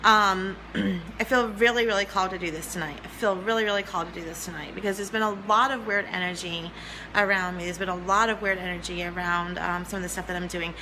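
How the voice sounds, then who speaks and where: Bright-voiced woman in her forties. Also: lowish voice, steady tone, quick pace, slight background noise, poor audio. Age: 40s. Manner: earnest, repeats phrases, greets viewers by name. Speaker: spiritual teacher. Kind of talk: livestream talk to viewers.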